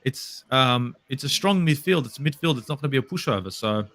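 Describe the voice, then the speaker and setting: Animated swearing man, bright voice. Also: medium pitch, a little fast. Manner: animated, swears, laughs while talking. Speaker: podcast guest. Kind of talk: casual football chat.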